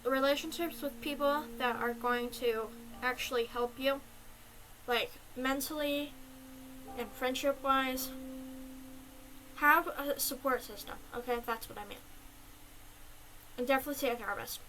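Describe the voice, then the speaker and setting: High-voiced rambling young woman streamer. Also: fairly even intonation, a little slow, pauses often, bright, forceful tone, slight background noise, low-quality recording. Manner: rambling, with frequent ums and giggles. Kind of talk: casual chat giving advice. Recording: clear background music. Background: music.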